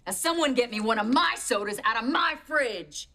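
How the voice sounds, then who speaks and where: A stern, bossy dog trainer. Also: female voice, on the high side, animated, normal speed. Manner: domineering, barking curt commands. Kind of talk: sitcom acting. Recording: sitcom audio with loud background noise.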